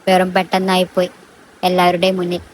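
A woman voicing an angry young man who accuses his girlfriend, in a flat, low delivery. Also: quick pace, a little hiss or hum, close to an everyday voice, rough recording. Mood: bitter accusing. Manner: accusing, bitter. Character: angry young man, jilted college lover.

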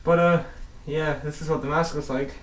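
A young man's voice, on the high side with fairly even intonation and a moderate pace, comes through muffled by his balaclava and mask. He's casually reviewing an airsoft mask indoors, rambling and swearing mildly for a vlog. The recording is roomy camera audio from a distance.

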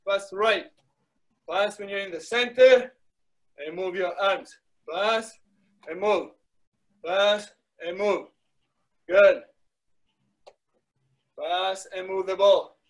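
A middle-aged soccer fitness coach speaks slowly and pauses often while leading a live workout in a high voice. He repeats short commands and encourages the group. The setting is a small wood-panelled indoor room, with a device microphone a few metres away.

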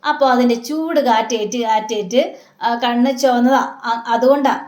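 A woman's voice: fairly high pitch, moderate pace, a little mellow, lightly acted. A woman reading the lines of a young husband who teases and defends himself, in an echoey room. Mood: defensive. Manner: plain retelling of a man's lines.

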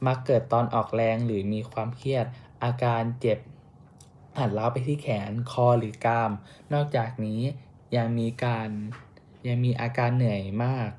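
Student presenter, young man, warm low-key delivery, careful reading with small restarts. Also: steady tone, normal speed, slight background noise. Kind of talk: reading a class report.

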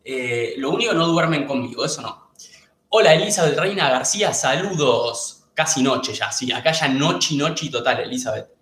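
A man's voice: mid-range voice, animated, normal speed, a bit bright, echoey room, a little hiss or hum. A man with an Argentine accent chatting casually on a live stream, greeting viewers by name and repeating himself. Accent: Argentine Spanish.

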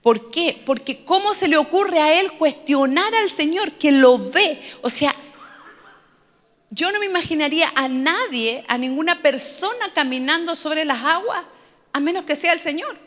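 A woman's voice: sits high, lively intonation, a little slow, fairly bright tone, in a large hall. A woman pastor, preaching a sermon in a conversational storytelling manner with humorous asides.

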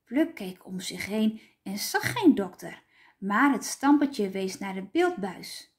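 Slow, expressive woman reading a storybook. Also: medium pitch. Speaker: teacher reading aloud.

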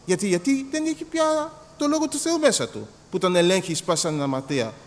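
A Greek man preaching a sermon in a church hall, animated and acting out little dialogues, repeating words as he goes. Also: high voice. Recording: long hall reverb.

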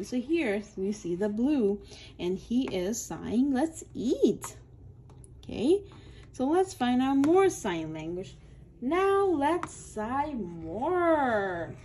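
A slightly high, mellow, husky female voice reads a children's book aloud to young kids in an instructional manner. She drops in her own asides and draws out the key words.

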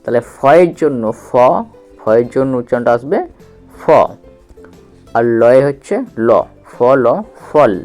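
A man's voice: mid-range voice, a little mellow. A man gives a reading lesson for children. He spells out letters, repeats syllables and asks the listener questions. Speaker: teacher.

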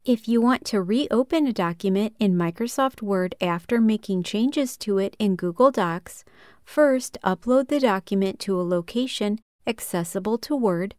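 A woman in her thirties hosting a scripted software tutorial, giving calm, measured step-by-step instructions from a small room. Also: mid-range voice, no room sound, studio quality. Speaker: tutorial host.

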